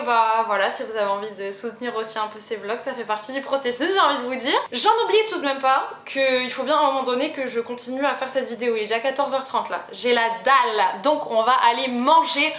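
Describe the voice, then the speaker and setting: A young woman from France, vlogging on busy city streets in a chatty, excitable, slangy way on a lapel mic. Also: sits high. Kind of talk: casual travel vlog. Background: loud background music.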